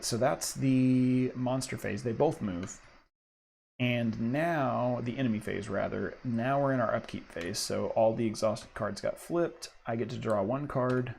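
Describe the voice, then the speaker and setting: A man giving casual, excitable play-by-play of a solo card game, talking his choices through to himself. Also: mid-range voice, gravelly, slight background noise. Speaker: solo board game player and host.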